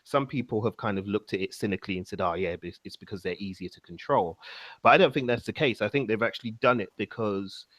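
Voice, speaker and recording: A man's voice: lowish voice, quick pace, a bit bright, no echo. A man hosting a casual podcast chat, laid-back, with lots of ums and you-knows. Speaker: podcast host.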